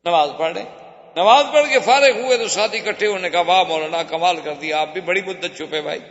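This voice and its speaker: Animated male preacher in a hall. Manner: animated, shifting pitch and emphasis. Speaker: religious preacher. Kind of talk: storytelling sermon. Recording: echoey hall, dull lo-fi sound.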